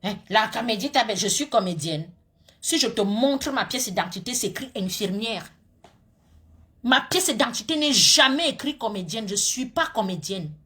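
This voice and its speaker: A woman's voice: fairly high pitch, animated, normal speed, sharp tone. A woman, a social media comedian scolding her critics in a heated rant to viewers. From Cameroon.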